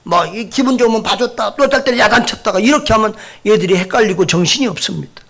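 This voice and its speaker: A man's voice: sits high, expressive, quick pace, a bit bright. A middle-aged man preaching a sermon as pastor, speaking conversationally and putting questions to the congregation. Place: church sanctuary.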